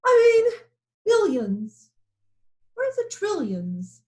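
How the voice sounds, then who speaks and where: A woman voicing a clever male hornbill bird in a storybook reading, explaining things in a calm, innocent way. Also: extremely high pitch, very slow, pitched above the performer's own voice, heavily acted. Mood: sly. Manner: matter-of-fact, innocently explaining.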